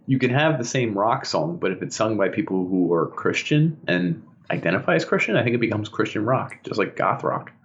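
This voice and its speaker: Man, podcast co-host, casual chat, lively swooping voice, dull lo-fi sound. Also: a little fast, few pauses, a little hiss or hum. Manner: animated storyteller, bursts into high laughing impressions.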